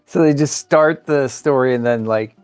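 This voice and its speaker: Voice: mid-range voice, normal speed, darkish tone, clean tone, no echo, faint music behind. A let's play co-host giving jokey, playful commentary in casual chat.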